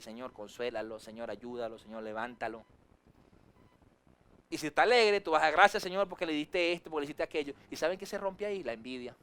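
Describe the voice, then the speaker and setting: Preaching man, fairly high voice. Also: a bit bright. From Venezuela. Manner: preachy, rises and drops sharply for emphasis, acts out quick asides. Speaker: pastor. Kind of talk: sermon.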